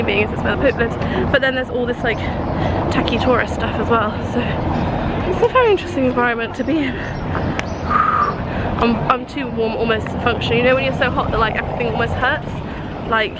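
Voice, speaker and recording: A woman's voice: fairly high pitch, fairly quick, very noisy. A woman, chatting casually in a rambling, self-mocking vlog. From England. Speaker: vlogger. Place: hotel room, then outdoors in a city.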